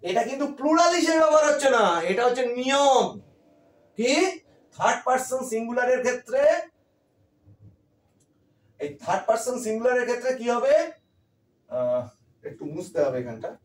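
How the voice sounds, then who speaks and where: A high, lively male voice, teaching grammar and firing questions at his students before he answers them. He was recorded from a distance in an echoey room, so the sound is roomy and thin. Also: moderate pace, pauses often. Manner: animated, asks the class questions and answers them himself. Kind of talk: classroom lecture in Bengali.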